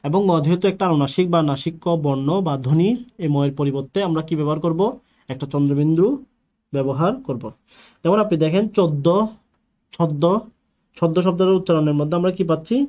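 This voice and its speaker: A man's voice: a little high, dark tone. A male teacher giving an online grammar lecture, posing questions to the class and answering them himself.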